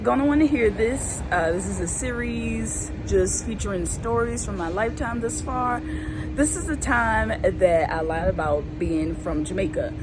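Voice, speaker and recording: A young woman vlogger casually tells a funny childhood story, laughing and acting out voices. Her voice is fairly high with lively intonation at a normal speed, and vehicle ambience is clearly audible in the background.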